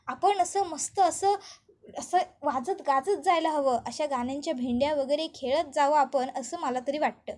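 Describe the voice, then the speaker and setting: A woman's voice: high voice, moderate pace, darkish tone, close to an everyday voice. A woman reading a teasing, playful young man. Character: playful young man, joking family friend.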